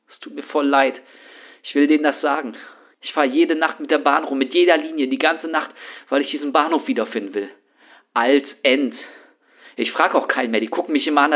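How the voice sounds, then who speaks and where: A man playing a husky, haunted homeless guy. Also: medium pitch. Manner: street slang, rambling, anxious. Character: rattled young homeless man, slangy and haunted. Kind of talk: first-person horror story monologue. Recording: tinny phone-like sound.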